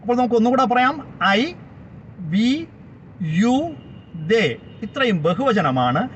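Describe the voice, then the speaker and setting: Male grammar teacher, high and expressive delivery, slow and methodical, spells words out, dull lo-fi sound. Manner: spells words out letter by letter and gives each translation. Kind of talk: slow explanatory grammar lesson. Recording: slightly dull lo-fi recording with faint background noise.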